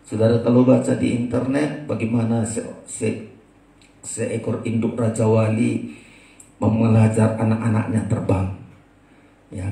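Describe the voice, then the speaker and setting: A male pastor, preaching a sermon through animated storytelling and often turning to address the congregation. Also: medium pitch. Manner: animated storytelling, repeats "saudara-saudara". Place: church hall. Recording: roomy church hall, distant mic.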